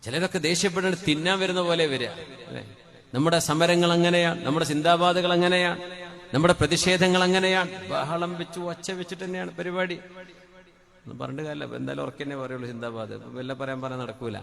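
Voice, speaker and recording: A Malayali man preaching a sermon into a microphone. His voice sits a little high for a man. He chants his Arabic phrases in a sung tone, then falls back into plain, conversational teaching. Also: fairly even intonation, fast talker, vocal fry, a bit bright.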